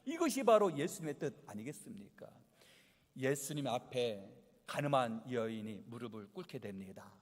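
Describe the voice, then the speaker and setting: Animated preaching man. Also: medium pitch, moderate pace. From Chungcheong, South Korea. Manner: animated preaching with rhetorical questions. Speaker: pastor. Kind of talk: Sunday sermon. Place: church sanctuary. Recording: long church hall reverb.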